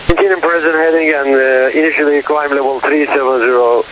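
A man's voice: fairly high pitch, fairly even intonation, brisk. A man working as an airline pilot, making procedural calls to air traffic control over aircraft radio. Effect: aircraft radio transmission. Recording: tinny narrowband radio with hiss.

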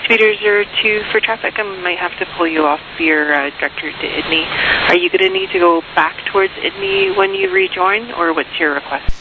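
A man's voice: high-pitched, fairly quick. A man working as an air traffic controller, giving clipped, procedural calls over a crackly radio. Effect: crackly radio transmission. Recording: crackly, hissy narrowband aviation radio.

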